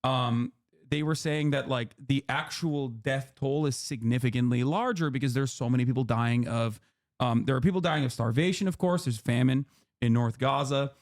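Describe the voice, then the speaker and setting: A man's voice: mid-range voice, normal speed. A man in his thirties hosting a stream, explaining politics to a guest in a heated, profane way and pushing his voice up hard for emphasis. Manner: impassioned, profane, rising to near-shouting emphasis. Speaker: streamer host.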